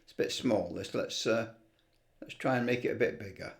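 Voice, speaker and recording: Speaking a little fast in a lowish voice, an older or middle-aged man rambles enthusiastically through a hobby video. It's casual, unscripted vlog chatter.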